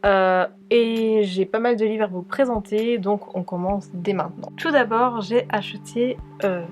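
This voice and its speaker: A woman presenting her monthly book purchases to viewers in a casual, hesitant way, often pausing on filler sounds. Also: mid-range voice, darkish tone. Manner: hesitant, many filler pauses. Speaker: book vlogger.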